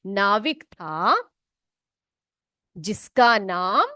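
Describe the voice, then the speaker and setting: A woman teacher from North India, explaining English words and spelling them out slowly, often checking whether the pupils follow. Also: medium pitch, lively intonation, bright, forceful tone, no echo, studio quality. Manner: slow, drawn-out spelling and frequent check-ins with pupils. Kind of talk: classroom English vocabulary lesson.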